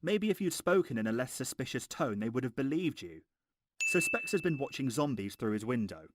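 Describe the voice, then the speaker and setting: A man's voice: mid-range voice, very animated, brisk, dry recording, studio quality. A man narrating a scripted film review in a mocking, exasperated, sweary way.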